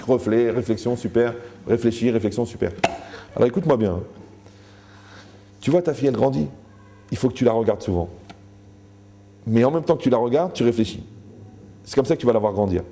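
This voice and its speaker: A man's voice: medium pitch, mellow. A man giving a Torah lecture to a live audience, joking, asking the room questions and acting out the people he quotes.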